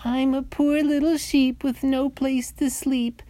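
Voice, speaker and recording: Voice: high-pitched, level tone, slow, mellow, dry recording, pitched above the performer's own voice. A storyteller voicing a wolf who pretends to be a poor little lamb, sweet and pleading. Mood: falsely sweet.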